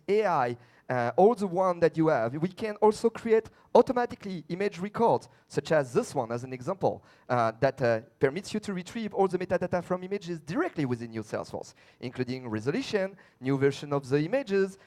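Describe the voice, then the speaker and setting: A man from France with a French accent presenting a live product demo, speaking with frequent hesitations. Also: a little high. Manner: hesitant with many uh fillers. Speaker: app presenter.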